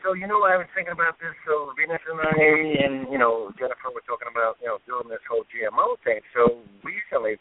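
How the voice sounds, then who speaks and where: A man co-hosting a casual radio chat, talking in a chatty, storytelling way with plenty of fillers. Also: medium pitch. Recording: phone-like call-in audio.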